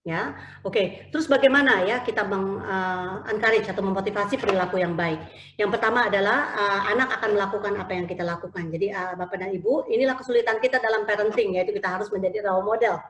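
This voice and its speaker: A woman's voice: medium pitch, fast. Woman giving a parenting talk, echoey. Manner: mixes English phrases into speech, frequent fillers. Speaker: parenting speaker.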